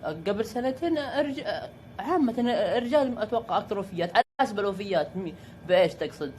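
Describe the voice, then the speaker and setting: A man's voice: high-pitched, lively intonation, quick pace, a little mellow. A Saudi man vlogging casually, chatty and joking with his viewers as he talks from a car by the coast. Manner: chatty, jokey, calls viewers "guys". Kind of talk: casual vlog chat to viewers. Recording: vehicle noise behind.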